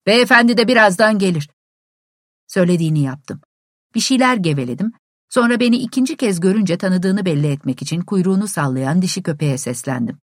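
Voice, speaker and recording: A woman narrating an abridged classic novel as a calm, steady audiobook reader. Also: lowish voice, fast, dry recording, clean studio sound.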